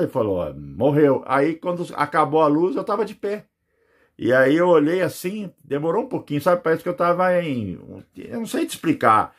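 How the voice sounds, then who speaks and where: A man's voice: on the high side, husky. A Brazilian man recounting a personal experience, rambling with many fillers. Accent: Brazilian Portuguese. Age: adult with children. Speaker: near-death experience witness. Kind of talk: personal testimony.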